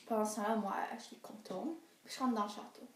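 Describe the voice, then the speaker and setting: A young woman performing a comic monologue, animated, swinging from hushed asides to excited cries. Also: mid-range voice, quick pace, far from the mic. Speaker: storyteller. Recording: roomy echo.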